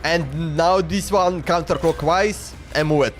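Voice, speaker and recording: A man with a somewhat high voice livestreams a video game at an unhurried pace, thinking out loud in casual commentary. He often repeats himself and talks both to the game and to his chat, with game music playing behind him.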